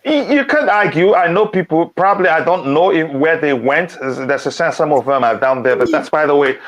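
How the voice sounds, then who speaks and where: Man, from Nigeria, slightly high voice, casual live-stream host, chatty, lots of ums and restarts. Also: lively intonation, fairly quick. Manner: talkative, many ums and restarts, reads chat comments.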